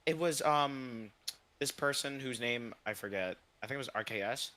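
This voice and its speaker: A young man chatting casually in a group, excitable and slangy. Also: medium pitch, normal speed. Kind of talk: casual group commentary chat. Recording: faint music behind voice. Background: music.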